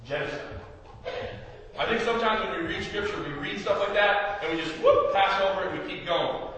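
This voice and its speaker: A man from Appalachia preaching a sermon in a big, loud voice to a church group, with jokey, self-mocking asides. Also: high voice, a little hiss or hum. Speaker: guest preacher and youth speaker. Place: church hall, large room. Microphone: no microphone, picked up from a distance. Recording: echoey hall from far off.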